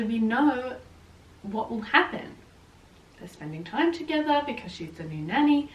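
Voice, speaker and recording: Excitable young woman chatting, lots of "like", roomy echo. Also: a little high, recorded from a distance, a little hiss or hum. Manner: bubbly, gushing, says "like" and "oh my gosh" a lot. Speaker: book vlogger. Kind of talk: casual chat.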